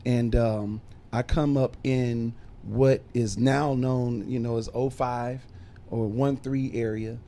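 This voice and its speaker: A man's voice: mid-range voice, fairly even intonation, slow, warm tone, slight background noise. A middle-aged man, a minister born in Chicago and raised in Detroit, telling his life story in a casual podcast interview with frequent fillers. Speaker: bishop and minister.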